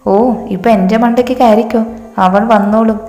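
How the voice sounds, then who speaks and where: A woman voicing a sharp-tongued, defiant mother who talks back. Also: fairly high pitch, fairly even intonation, brisk, lightly acted. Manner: snappy, dismissive. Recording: roomy hall reverb, faint music.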